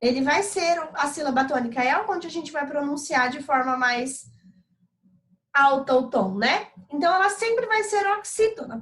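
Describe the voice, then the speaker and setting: A woman's voice: high voice, a bit bright, rough recording. A Brazilian woman teacher giving a recorded online lesson, explaining step by step and checking in with frequent tag questions. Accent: Brazilian Portuguese. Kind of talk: recorded online class lecture.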